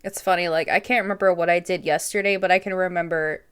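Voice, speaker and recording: A woman hosting a relaxed movie reaction video, tired and yawning, rambling with lots of "like.". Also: fairly low pitch, fast talker, clear, resonant tone. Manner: relaxed, rambling, says "like" a lot. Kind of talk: casual movie reaction chat.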